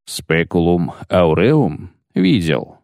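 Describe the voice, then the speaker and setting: A man voicing a gruff, terse witcher in an audiobook reading, clipped, dry and sardonic. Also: deep voice, very animated, drawn-out words, a little mellow, no echo, exaggerated voice. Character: gruff, terse male witcher, weary and skeptical.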